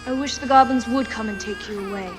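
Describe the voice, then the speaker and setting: A woman's voice: fairly high pitch, quick pace, soft background music, close to an everyday voice. An actress playing a dramatic teenage girl who recites heroine lines in a theatrical manner.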